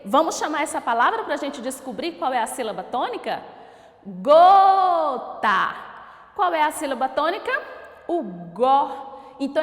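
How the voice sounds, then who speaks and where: A Brazilian woman teacher with a high, lively voice quizzes her pupils during a recorded school lesson for children. She speaks with a Brazilian Portuguese accent, drawing words out slowly syllable by syllable. The room is echoey with a long reverb.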